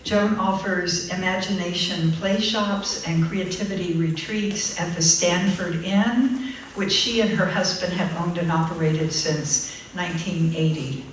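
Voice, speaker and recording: A woman hosting an open mic, introducing the featured poet in a casual, halting way with frequent ums. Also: lowish voice, steady tone, slight background noise. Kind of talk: live event introduction. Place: art center room at an open mic. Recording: very echoey room, distant mic, faint ambience.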